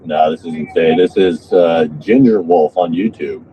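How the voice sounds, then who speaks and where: A man's voice: low-pitched, unhurried, dark tone. A man bantering casually on a livestream in a crude, taunting way. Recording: muffled lo-fi stream with background noise.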